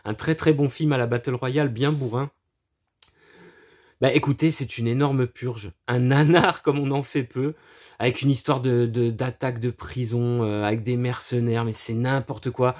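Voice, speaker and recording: A man's voice: mid-range voice, normal speed. A man chatting casually about his film collection, crude and profane, mocking with frequent laughs. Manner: laughs often, animated asides. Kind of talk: casual chat.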